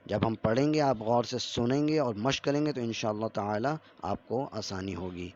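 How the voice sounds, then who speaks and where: A man teaching a Quran reading lesson, explaining the rules patiently and repeating them for learners, with slow drawn-out syllables in drills. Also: lowish voice, darkish tone. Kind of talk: patient step-by-step recitation lesson. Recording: slightly dull lo-fi audio.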